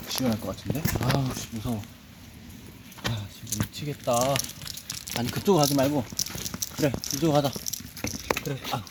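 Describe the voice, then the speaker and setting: A man vlogging outdoors, nervously muttering to himself and coaxing an animal along. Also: medium pitch. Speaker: nature vlogger. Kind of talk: casual self-talk while handling an animal. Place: outdoors by a reservoir on a rainy day. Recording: outdoor recording with clear background noise.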